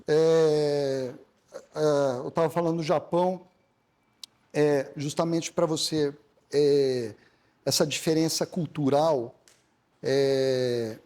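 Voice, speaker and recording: Man, Brazilian, corporate speaker, fairly high voice, halting delivery full of fillers. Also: darkish tone. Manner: halting, many fillers and restarts. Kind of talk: live storytelling talk. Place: stage at a corporate event.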